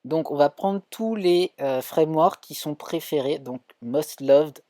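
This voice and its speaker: A man's voice: on the high side, measured pace, dark tone, no echo. A man with a French accent teaching a live coding tutorial, thinking aloud with many fillers and self-corrections. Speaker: coding instructor streaming.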